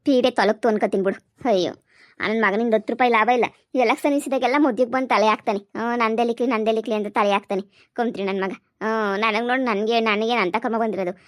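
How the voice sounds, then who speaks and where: A woman's voice: fairly high pitch, steady tone, dry recording, studio quality, natural voice. A woman voicing a stubborn, election-obsessed mother in a cartoon comedy, scolding and grumbling. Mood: defiant. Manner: scolding, grumbling, fast and defiant.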